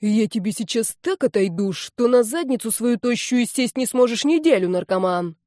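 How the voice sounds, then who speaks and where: A woman voicing a fierce old grandmother who scolds and shouts in a rough bass, recorded dry. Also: very animated, a little slow, no room sound. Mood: furious scolding.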